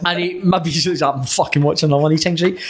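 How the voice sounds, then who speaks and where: A Scottish man in his twenties, a barber co-hosting a podcast, telling stories in a sweary, animated way and acting out what people said. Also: fairly high pitch, rapid-fire, husky. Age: 20s. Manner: sweary, animated storytelling with acted-out quotes. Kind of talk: casual chat.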